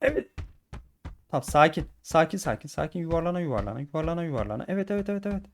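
Excitable man with a lively voice. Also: a little high, very fast, a little hiss or hum. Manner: excitable, shouts and repeats words in bursts; talks to viewers as friends. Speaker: gaming YouTuber. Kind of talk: live gameplay commentary.

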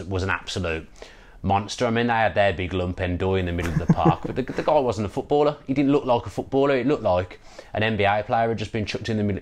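On a video call from a room at home, a man with a lowish voice chats animatedly about a football match, repeating words as he thinks. He co-hosts a football podcast, and this is casual post-match talk picked up by an earphone mic.

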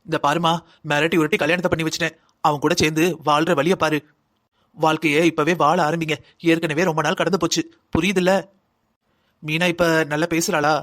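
A man's voice: fairly high pitch, little pitch movement, brisk, fairly bright tone, natural voice. A man voicing a bossy, emotional middle-aged mother-in-law in a cartoon drama, scolding and pleading. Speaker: voice actor.

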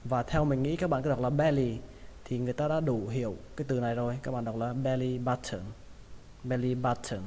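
Man, pronunciation teacher, slow repeated drills, long hall echo. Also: medium pitch, steady tone, warm tone, a little hiss or hum. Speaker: English teacher. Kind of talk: pronunciation lesson.

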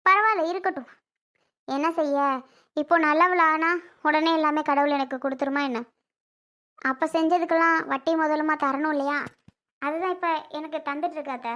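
A woman playing a hurt young wife, very high voice. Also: steady tone, normal speed, long pauses, sharp tone. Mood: bitter. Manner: emotional, resentful, pleading. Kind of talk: village family drama skit.

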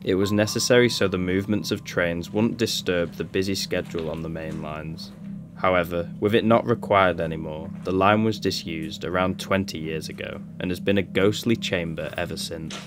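A man narrating his urban exploration video as a calm, measured scripted voice-over, with background music. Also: deep voice.

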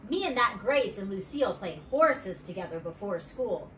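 Lady reading a kids book aloud, playful, lively pitch, echoey and a bit far from the mic. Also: moderate pace, slight background noise. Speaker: children's story reader. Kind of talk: read-aloud storytime. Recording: roomy, away from the mic.

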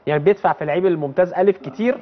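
A man's voice: high-pitched, very fast, lo-fi sound. A man with an Egyptian Arabic accent hosting a sports talk show, prompting his guest and finishing his sentences. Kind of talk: casual TV interview.

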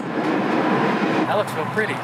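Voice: takes it slowly, far from the mic, very noisy. A friend bantering playfully in a car during a road trip. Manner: playful, teasing. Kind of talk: casual banter.

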